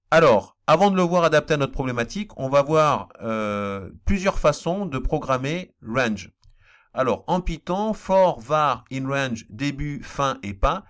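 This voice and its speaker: A man with a slight accent walks students through a programming lesson at a mid-range pitch. He explains patiently and repeats the important points, with the odd filler between steps. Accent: non-standard accent he apologizes for. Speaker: math teacher. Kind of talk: screen-recorded programming lesson.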